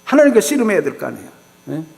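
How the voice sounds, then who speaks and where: Korean pastor man preaching big, swings way up and down, kinda high, long church reverb and some hum. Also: huge pitch swings, rapid-fire, creaky, a little mellow. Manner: dramatic, acts out biblical figures' pleas in rising cries. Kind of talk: sermon. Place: church sanctuary. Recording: hall reverb with mains hum.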